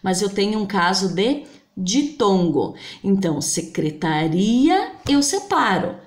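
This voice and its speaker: A woman teaching a grammar lesson, slowly spelling out example words syllable by syllable. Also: medium pitch, sing-song. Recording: roomy echo.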